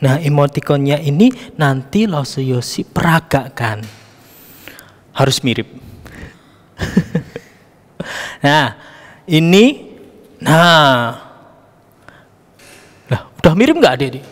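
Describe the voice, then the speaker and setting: A man's voice: fairly high pitch, expressive, slow, long pauses, long reverb tail. A man leading a children's Sunday school Bible lesson, coaxing and addressing the kids directly.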